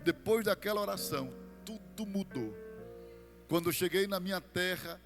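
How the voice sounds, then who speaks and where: A Brazilian pastor tells his own story in a sermon with a fairly high voice. He drops to quiet storytelling and then rises into loud, fervent bursts. Music plays clearly behind him. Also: expressive, normal speed, in a large hall. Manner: storytelling testimony, swings from hushed to shouted.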